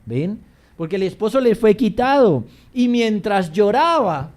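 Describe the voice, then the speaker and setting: Mellow-voiced male pastor preaching. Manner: preaching with swings between soft low passages and raised emphatic ones; addresses the congregation directly as brothers. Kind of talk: sermon.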